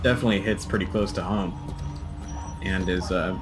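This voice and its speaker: Male gameplay commentator, low conversational voice, reacting mildly over clearly audible game soundtrack. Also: moderate pace, music in the background. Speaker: video game streamer. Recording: loud game audio behind voice. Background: video game soundtrack and action.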